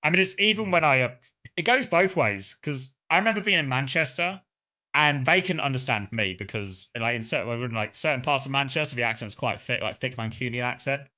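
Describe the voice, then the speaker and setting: Chatting with his viewers, a man from Kent with a gentle southern English accent drifts through conversational, meandering stories. His medium-pitched voice sounds bright and pushed, lively and a touch fast.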